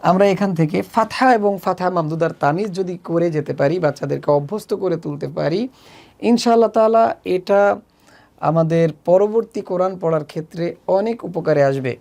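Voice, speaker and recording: A man with a Bangladeshi accent teaching children Arabic letters, spelling each sound slowly and deliberately in a drill. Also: high-pitched, vocal fry, a little mellow. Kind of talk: slow spelling drill lesson.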